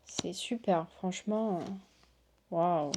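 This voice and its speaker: A woman's voice: fairly low pitch, slow, noisy background. A woman hosting a casual unboxing chat, gushing and exclamatory as she shows cards to her viewers. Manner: gushing, exclamatory, lots of waouh and oh là là. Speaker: tarot reader and channel host.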